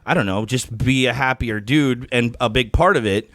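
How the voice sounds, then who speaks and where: A man's voice: medium pitch, moderate pace, a bit bright, no echo. Podcast co-host, male, rambling and profane, dry close recording. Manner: rambling, profane, self-mocking. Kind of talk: casual chat.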